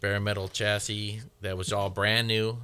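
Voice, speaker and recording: A middle-aged man guesting on a radio show, telling a family story in a relaxed way. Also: on the low side, measured pace, a crowd in the background. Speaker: guest, racer's father. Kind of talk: casual radio interview.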